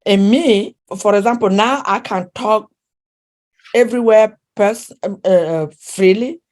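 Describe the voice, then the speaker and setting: At medium pitch and a slow pace, a female relationship coach with a non-native English accent speaks earnestly during an interview. Her sentences often begin again, and soft laughs slip in.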